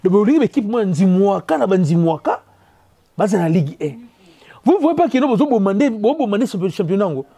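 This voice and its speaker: A man with a Congolese French accent delivers a heated, repetitive rant as a football commentator. His voice sits high for a man yet sounds dark and mellow in tone. He hammers each point again and again. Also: big pitch swings, slightly rough. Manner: emphatic, repetitive, rapid code-switching. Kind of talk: opinion rant on local football.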